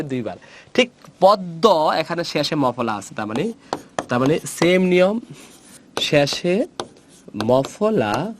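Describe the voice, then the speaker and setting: A man teaching a recorded grammar lesson. His pitch swings widely up and down as he stresses each point. He keeps firing short questions at his students and answering them himself. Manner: repeats key points and quizzes students with questions. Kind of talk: recorded Bangla grammar lecture.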